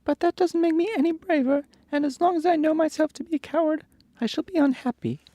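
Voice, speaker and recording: A man's voice: very high-pitched, fairly quick, mellow, no echo, studio quality, pitched above the performer's own voice. A man voicing a timid, sorrowful lion confessing his cowardice in a storybook reading. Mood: unhappy, resigned. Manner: mournful, confessional storybook delivery.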